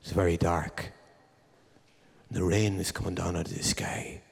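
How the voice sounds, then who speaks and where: A man's voice: low-pitched, level tone, unhurried, vocal fry, husky. Man, droll live-show host, storytelling, reverberant concert hall. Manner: droll, jokey storyteller with comic timing.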